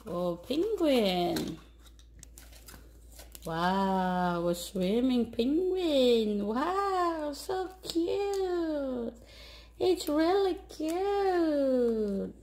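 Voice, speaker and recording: Eine junge Frau aus Indonesien mit indonesischem Akzent, die als Familien-Vloggerin fröhlich und singend mit ihrem Kleinkind in die Handykamera plaudert. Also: female voice, high-pitched, animated, very slow, darkish tone. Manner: cheerful sing-song baby talk with her toddler. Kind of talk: casual chat to camera. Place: living room, on a sofa. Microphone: phone camera at arm's length. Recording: echoey living room.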